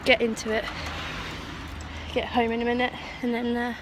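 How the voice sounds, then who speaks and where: A woman's voice: a little high, monotone, moderate pace. A woman chatting casually to camera as an amateur runner making a training vlog. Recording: faint background noise.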